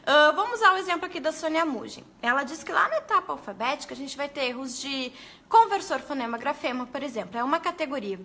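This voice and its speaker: A woman, a pedagogue, giving a lively live lesson to teachers and talking straight to her viewers. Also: sits high, fast. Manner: lively, animated, addresses viewers as "gente".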